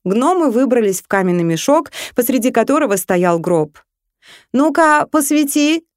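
A woman narrates a comic fantasy tale in a lively, playful way, at a medium pitch. The recording is dry and close, with almost no room sound. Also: normal speed, no echo. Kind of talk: storybook narration.

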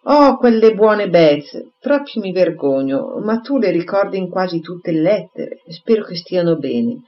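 A reader voicing a gentle, earnest young mother in an audiobook, reassuring her father. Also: lowish voice, animated, a little slow. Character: gentle devoted young mother, anxious daughter. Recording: slightly muffled recording.

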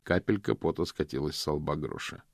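Gravelly-voiced male audiobook narrator. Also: expressive, no room sound, clean studio sound. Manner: measured, low-voiced narration. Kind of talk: scripted narration.

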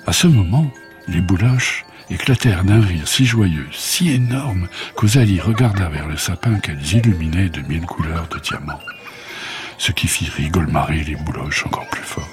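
Deep-voiced man reading a bedtime tale. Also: moderate pace, over music. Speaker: storyteller. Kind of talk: scripted bedtime story narration for children.

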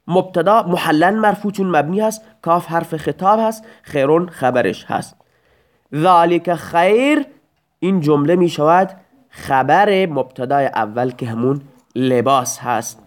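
A male teacher walks through grammar patiently, one step at a time, asking rhetorical questions and then answering them himself. His voice sits fairly high and moves up and down a lot. It sounds like a recorded audio lesson.

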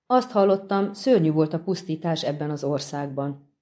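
A brooding swordsman who hunts monsters, terse and low-key, each word held back, as a woman reads him in an audiobook. Her voice is pitched lowish and sounds dark and mellow. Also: expressive. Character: grim, weary male monster-hunter swordsman. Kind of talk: audiobook reading.

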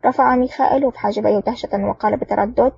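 Woman reading an audiobook, quick and gravelly, dull lo-fi sound. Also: fairly high pitch, no echo, far from the mic. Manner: steady storytelling. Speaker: audiobook narrator. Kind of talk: audiobook narration.

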